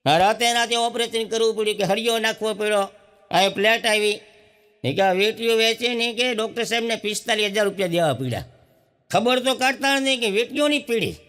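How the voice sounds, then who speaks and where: High-voiced comedian spinning folksy yarns. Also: male voice, a little fast, fairly bright tone, big-room sound. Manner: folksy storyteller who acts out each character in quoted dialogue. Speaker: stand-up comedian. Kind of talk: comic storytelling.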